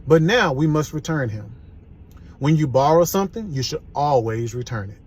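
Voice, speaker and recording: A man reading as an earnest school principal giving little speeches, husky-ish voice, from a kids' book. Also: a little high, animated, moderate pace.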